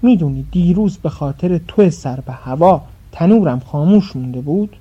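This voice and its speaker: Furious shouting baker, read by a woman. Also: low-pitched, animated, husky. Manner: scolding, yelling. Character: angry shouting male baker, harsh. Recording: dull lo-fi.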